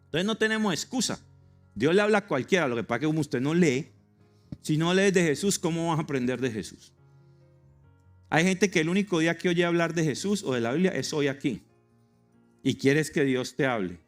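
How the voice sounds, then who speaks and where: A man's voice: on the high side, lively intonation, a little fast, faint music behind. A male pastor preaching a sermon in an emphatic way, firing rhetorical questions with humorous asides to a congregation.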